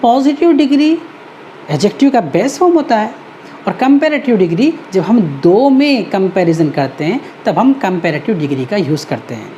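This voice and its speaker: Woman teaching grammar on video, soft mellow voice, asks questions then answers them, drags out example words. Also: mid-range voice, very animated, moderate pace, highs cut off, a little hiss or hum. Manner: patient, repeats each rule, asks herself questions. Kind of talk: explanatory video lesson.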